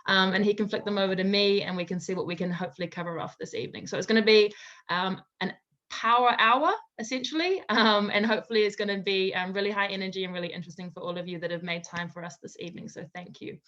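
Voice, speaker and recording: Over a video call, a woman hosts a casual online panel, introducing the speakers in an upbeat, effusive manner. Her mid-range voice is fast and fairly bright, with a steady tone. The audio has a slightly dull, video-call quality.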